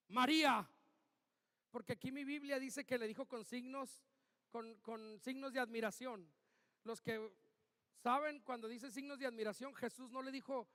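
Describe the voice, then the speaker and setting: A pastor with a very high voice preaches, jumping into loud, emphatic bursts when he acts out quoted lines. His voice rings through a church hall with a long, echoing tail. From Mexico. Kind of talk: sermon.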